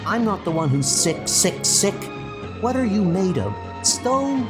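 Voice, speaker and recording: A woman's voice: mid-range voice, very animated, unhurried. Coy, pouting Wasp heroine acted by a woman. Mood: flirty, petulant. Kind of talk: comic-book dub acting. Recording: music under the voice.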